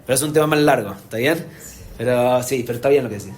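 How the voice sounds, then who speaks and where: Un hombre con acento que da una clase en vivo a padres como rabino, explicando con ánimo y preguntando a menudo si se entiende. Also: male voice, medium pitch, fast, a little hiss or hum. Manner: animated, explanatory, asks "¿se entiende?" often. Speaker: rabbi teaching parents. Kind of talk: live lecture to an audience. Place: community hall with an audience.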